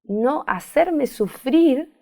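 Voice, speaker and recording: A woman therapist with a Rioplatense Spanish accent speaks extremely slowly in a high, animated voice that is gravelly and a little mellow. Appearing as a guest in a reflective, conversational interview, she is thoughtful, often searching for words and repeating phrases.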